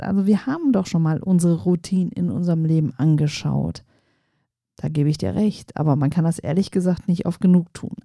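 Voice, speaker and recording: A woman in her forties hosting a coaching podcast, talking calmly and reflectively straight to the listener. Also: fairly low pitch, no room sound, studio quality. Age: 40s. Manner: calm, reflective, addresses listener directly. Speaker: podcast host.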